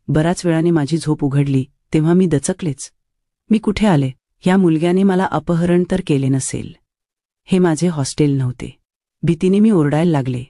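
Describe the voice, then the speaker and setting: A woman telling a romantic story in the first person, with a steady, even storytelling delivery. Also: low-pitched, dry recording, studio quality.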